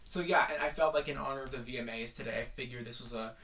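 A young man with vocal fry, co-hosting a podcast in casual, playful and theatrical chat. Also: medium pitch, fast talker, pushed and bright. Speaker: podcast co-host.

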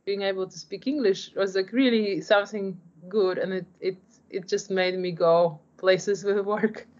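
Answering interview questions, a Ukrainian-born startup founder in her forties who grew up in Poland speaks earnestly in a medium-pitched, steady, slightly mellow voice at a somewhat slow pace. She frequently restarts her sentences and repeats words, and the recording's high frequencies are cut off.

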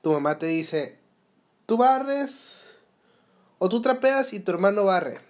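Young Mexican male podcast host, earnest and advising, slightly higher pitch, rhetorical questions. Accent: Mexican Spanish. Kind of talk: motivational solo podcast talk.

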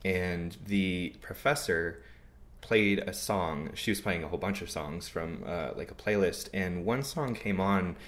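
A man talking in a relaxed, rambling way, with lots of filler words. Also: low voice, unhurried. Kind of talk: casual conversation.

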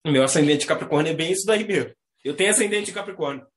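A man with a Brazilian Portuguese accent hosting a casual astrology chat, talking in a slangy, animated way and mimicking the people he describes. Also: fairly high pitch, quick pace. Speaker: astrology talk host. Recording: echoey room.

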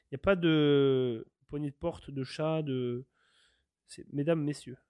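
A man from France talks on his podcast in a heated, rambling monologue that trips over repeated words and slips in curses. His voice sits a little high for a man. The sound is close and dry. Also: fairly even intonation, measured pace, darkish tone, smooth, no room sound. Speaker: podcast host. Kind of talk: casual monologue. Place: living in Canada.

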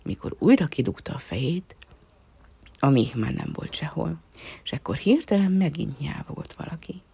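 A woman reading a children's story aloud, softly and often half-whispering. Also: sits low, animated, creaky, slightly rough.

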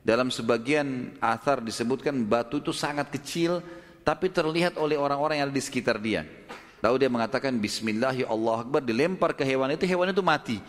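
A man's voice: mid-range voice, fast. A male preacher telling a story in a sermon, in a casual, colloquial way full of tag questions. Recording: long hall reverb.

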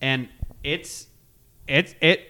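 A man hosting a casual podcast chat, talking excitedly with frequent ums. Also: mid-range voice, very slow, a little hiss or hum. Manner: excited, chatty, with filler ums. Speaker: podcast host.

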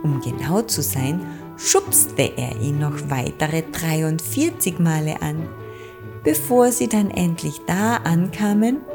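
A woman calmly narrating a children's story in a gentle, unhurried way. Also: low-pitched, gravelly, music in the background. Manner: calm, slow, gentle narration.

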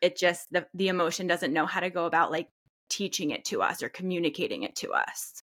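Reflective woman therapist, lowish voice. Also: animated, brisk, a bit bright. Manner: reflective, many "like" fillers. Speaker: therapist and podcast co-host. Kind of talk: casual podcast chat.

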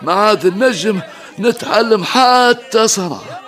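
A man's voice: sits high, expressive, a little slow, fairly bright tone, some chatter behind. An actor playing a humble, resigned old Tunisian woodcutter and father in a radio drama, speaking plaintively. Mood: plaintive, weary. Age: older.

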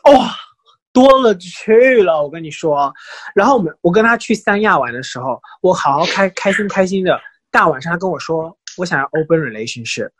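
Here the co-host talks fast in a slightly high, breathy voice on a dry recording, animatedly recounting gossip in a Chinese-English mix.

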